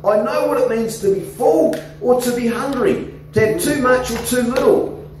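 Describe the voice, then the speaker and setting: A man in his forties with an Australian accent, preaching an animated sermon into a handheld microphone in a church hall. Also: extremely high pitch, normal speed. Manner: animated, gesturing, coaxing the congregation. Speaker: pastor. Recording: echoey hall, somewhat distant, faint noise.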